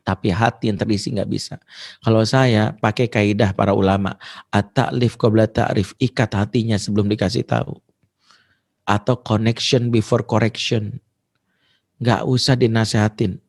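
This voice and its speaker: A man's voice: fairly low pitch, steady tone, normal speed, vocal fry. Emotive man preaching on parenting. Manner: emotive, acts out quotes. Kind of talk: parenting sermon.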